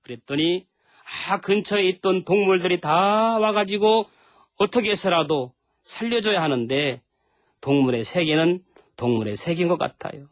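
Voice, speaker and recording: A man with a fairly high voice delivers a lively sermon. He leans into storytelling and acts out the lines of the characters in his stories. The sound is close and dry, with no room in it. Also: normal speed, no echo. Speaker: pastor.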